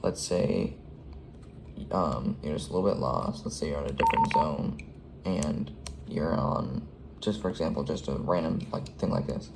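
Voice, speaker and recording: A man who works as a fleet radio dispatcher gives a casual how-to tutorial, with hesitant pauses and frequent ums. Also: rumbling low, lively intonation, gravelly, noisy background.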